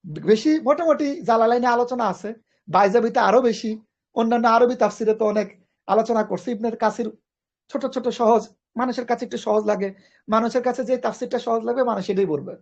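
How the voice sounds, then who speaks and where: A woman's voice: on the high side, fairly quick, a little mellow. A woman from Bangladesh, teaching an online grammar class. She explains step by step, repeats key phrases and mixes in English grammar terms. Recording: dull lo-fi recording.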